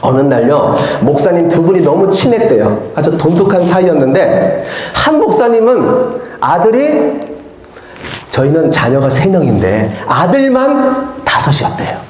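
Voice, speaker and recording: A male pastor delivers a sermon in a fairly high voice, telling a story and putting questions to his congregation. The sound is heavily echoey, as in a large church sanctuary. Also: very animated, a little slow, a little mellow, a little hiss or hum.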